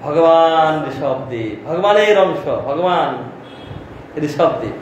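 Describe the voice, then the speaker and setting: A man's voice: on the high side, expressive, slow pace, highs cut off. A man, a monk preacher, giving a devotional storytelling sermon. He asks rhetorical questions and answers them himself, with many affirming fillers. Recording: echoey distant mic with faint noise.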